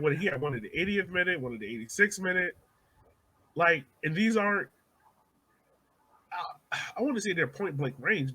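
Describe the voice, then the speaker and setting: A man hosts a casual soccer podcast, chatting informally and emphatically like a devoted fan. His voice is on the high side, sharp with a breathy edge, and the recording is low quality.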